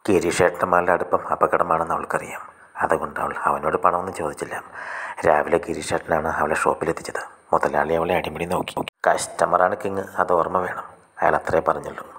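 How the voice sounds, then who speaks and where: A man reading a scripted short story in a soft, hushed, intimate way. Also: very deep voice, level tone, fast talker, slightly rough.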